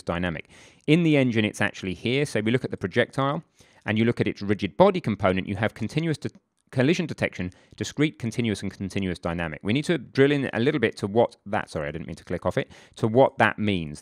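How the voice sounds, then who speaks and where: A man's voice: on the low side, no echo, studio quality. A man teaching game development in an informal, chatty screen-recorded tutorial, with frequent asides and self-corrections.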